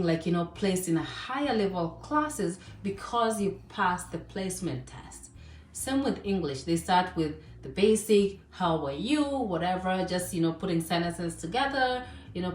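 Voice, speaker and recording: A woman from Kenya giving casual advice in a chatty way, full of fillers and asides. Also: mid-range voice. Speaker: vlogger. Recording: echoey room, voice a bit distant.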